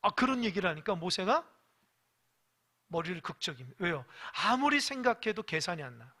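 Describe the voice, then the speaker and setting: Lively preacher quizzing a congregation. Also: mid-range voice, brisk. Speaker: pastor. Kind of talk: sermon. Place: church.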